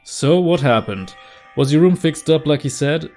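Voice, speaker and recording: A man's voice: fairly high pitch, animated, normal speed, a little mellow, pitched above the performer's own voice, lightly acted. A man voicing a cold, pompous, cynical young male character in a video game. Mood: sneering. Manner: sneering, pompous. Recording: game music behind.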